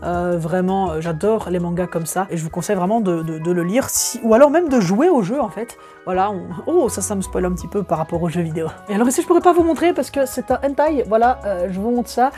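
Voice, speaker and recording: A man's voice: high voice, expressive, fast, few pauses, mellow, faint music behind. A young man in his twenties, an enthusiastic manga collector showing off his purchases in a casual video at home, often hesitating with fillers. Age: 20s.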